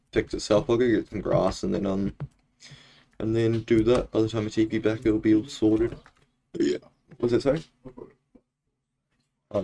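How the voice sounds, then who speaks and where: Low-voiced man with a broad Kiwi accent. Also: a little mellow, slight background noise. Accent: New Zealand. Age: young adult. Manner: laid-back, slangy. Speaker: game streamer. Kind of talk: casual chat while live-streaming a game. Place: small indoor room at home.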